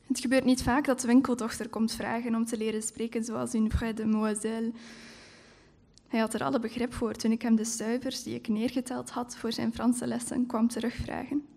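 Woman author, stage reading of her own prose, fairly high, mellow tone. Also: little pitch movement, normal speed, gravelly. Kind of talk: live literary reading. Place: stage at a live event.

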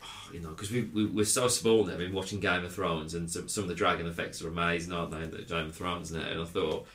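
A low-pitched man chats casually about films, rambling and animated, breaking into laughs as he goes. His voice sits in a roomy, echoey space. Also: quick pace. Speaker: podcast co-host. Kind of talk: casual film review chat. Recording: roomy echo.

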